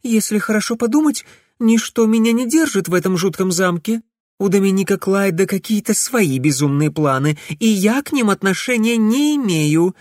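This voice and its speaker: A man's voice: sits high, lively intonation, moderate pace, a little mellow, no echo, studio quality, voice pushed up. A man voicing a capricious young female witch in an audiobook, coy and sulky by turns.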